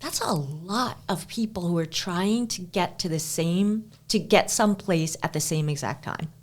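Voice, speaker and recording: A woman's voice: on the low side, measured pace. A woman co-hosting a podcast in casual chat, chatty and sarcastic, with lots of fillers. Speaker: podcast co-host.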